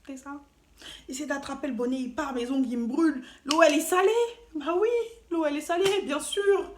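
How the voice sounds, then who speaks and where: A woman telling a story to camera in a casual, animated and slangy way, with playful asides. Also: high voice, fairly quick. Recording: roomy echo, faint noise.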